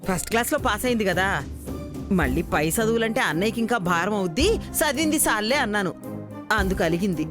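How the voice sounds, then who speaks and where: A woman's voice: medium pitch, lively intonation, quick pace, over music, lightly acted. An actress playing a stern middle-aged mother who scolds sharply in rustic speech, in a TV drama. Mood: explaining. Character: stern scolding rural mother, fierce temper. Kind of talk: television drama acting.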